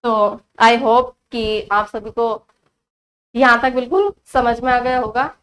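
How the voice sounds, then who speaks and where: A woman with an Indian accent teaches an online grammar lesson, posing questions to her students and answering them herself while slowly repeating key words as a drill. Her voice sits on the high side with a fairly bright, clean tone, though the audio quality is poor.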